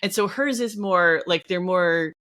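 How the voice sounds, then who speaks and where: A woman co-hosting a podcast, talking casually with many pauses and fillers. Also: lowish voice, a bit bright. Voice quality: hesitant, filler-heavy, giggly storytelling. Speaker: podcast co-host. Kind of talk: casual chat.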